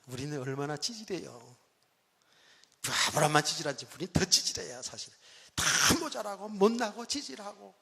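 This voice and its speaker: A middle-aged male pastor preaching a dramatic sermon in a church, questioning the congregation and swinging between loud and soft. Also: a little high, creaky, slightly rough. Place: church sanctuary. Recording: long church hall reverb.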